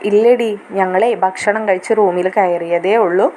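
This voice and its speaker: A woman's voice: mid-range voice, normal speed, warm tone, close to an everyday voice. Elderly fatherly guy as the storyteller lady puts him on, comforting, protective, faint background hum.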